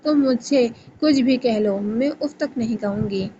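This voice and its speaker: A woman reading the lines of a gentle mother pleading with her grown son in a novel reading. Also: fairly high pitch, highs cut off, slight background noise, natural voice.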